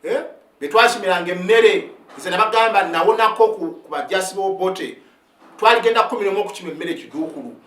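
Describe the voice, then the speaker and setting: High, rapid-talking soldier in his fifties. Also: fairly bright tone, recorded from a distance. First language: Luganda. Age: 50s. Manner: keeps asking "eh?" of listeners, stumbling restarts; switches between Luganda and English phrases. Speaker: army sergeant. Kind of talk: impassioned spoken account. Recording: roomy sound, set back from the mic.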